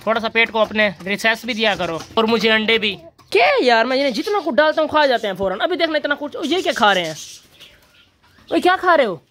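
A man's voice: very high voice, expressive, fast, hardly any pauses, pushed and bright, slight background noise. A young man chatting casually as he feeds his birds and rabbits, coaxing the animals between remarks. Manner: chatty, calls and coaxes animals while feeding. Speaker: vlogger and bird keeper. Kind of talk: casual farm vlog narration.

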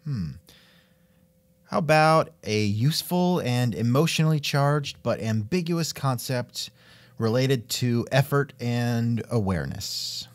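A podcast host interviews a guest in a casual, scripted chat, musing along with wry asides and thoughtful hmms. His mid-range voice is expressive and slow, with no echo.

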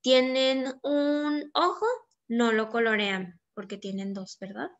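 Slow, patient woman teaching English. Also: fairly high pitch, steady tone, highs cut off. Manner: slow, patient explaining, reads English phrases very slowly. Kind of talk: recorded online class.

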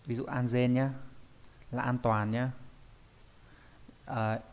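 Teaching Japanese grammar online, a man speaks slowly in a level, mid-range voice. He explains with patience, uses little fillers as he thinks, and regularly confirms understanding with "đúng không?".

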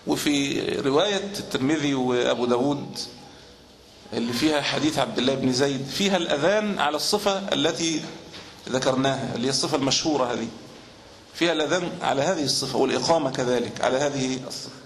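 A man giving a religious lesson, explaining texts at a measured pace and now and then chanting phrases to show how they are done. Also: medium pitch. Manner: measured explanation, sometimes chants the call to prayer to demonstrate. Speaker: Islamic teacher. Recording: echoey room with faint ambient noise.

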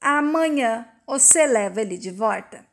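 A woman's voice: fairly high pitch, lively intonation, a little slow, vocal fry. A woman reading as a hurt, reproachful rancher's wife. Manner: sharp, reproachful questioning. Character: hurt rancher's wife, middle-aged, proud.

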